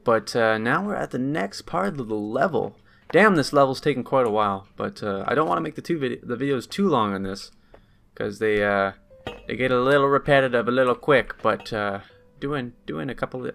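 A young man giving casual, excitable game commentary, swearing a lot and talking to his character. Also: medium pitch, gravelly. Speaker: gaming channel host.

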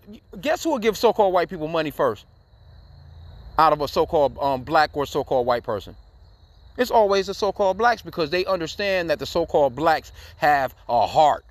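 A man's voice: a little high, no room sound. A man giving heated, profane, rambling commentary, tagging his sentences with "man", in casual talk to his viewers. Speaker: commentary channel host.

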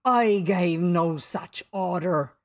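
A woman with a fairly low voice takes her time voicing a proud, brooding male pirate captain in a storybook. She sounds furious, commanding and theatrical, drawing out her exclamations.

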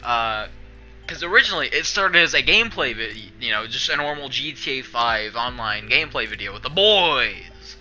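Soft music plays in the background while a young man chats on a livestream from a small bedroom. His medium-pitched voice is lively, bright and forceful at a moderate pace. A streamer and video editor, he rambles with self-deprecating sarcasm and lots of swearing.

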